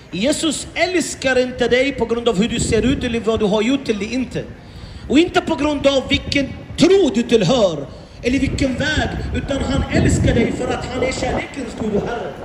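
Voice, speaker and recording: A man's voice: very high-pitched, in a large hall, a little hiss or hum. A man preaching to passers-by outdoors on a city street, impassioned and full of repeated rhetorical questions. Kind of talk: open-air evangelistic preaching.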